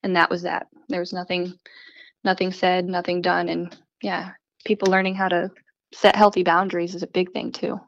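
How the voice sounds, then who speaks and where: A woman guest in a podcast interview, telling stories in a lively way and acting out what people said. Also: fairly low pitch, normal speed, vocal fry, dry recording, dull audio. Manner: animated storytelling, acts out quotes. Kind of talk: casual interview chat.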